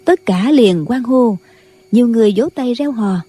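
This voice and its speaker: A woman narrating a martial-arts audiobook in a measured storytelling manner. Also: on the high side, expressive, mellow, slightly rough. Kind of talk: scripted narration.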